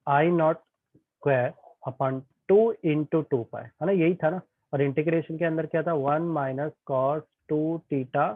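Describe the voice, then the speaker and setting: A man's voice: fairly high pitch, dry recording. A male tutor teaching an online physics class, chatty and often checking that students follow. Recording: tinny phone-like online class audio.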